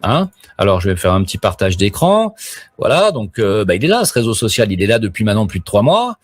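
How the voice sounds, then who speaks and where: A man's voice: fairly low pitch, very animated, fairly quick, husky, dry recording, studio quality. A middle-aged man chatting on a live stream, rambling with many hesitations and crude slang. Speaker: live streamer promoting his platform.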